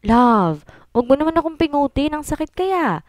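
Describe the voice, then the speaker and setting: A woman's voice: sits high, very animated, moderate pace, voice pushed up. A woman voicing a playful young man who pleads in a whiny way.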